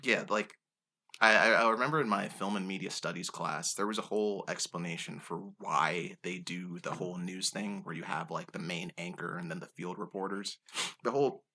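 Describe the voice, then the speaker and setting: A man's voice: deep voice, moderate pace, pushed and bright. A young man co-hosting a podcast, chatting casually and explaining his opinions, often saying dude. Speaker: podcast co-host. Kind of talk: casual chat.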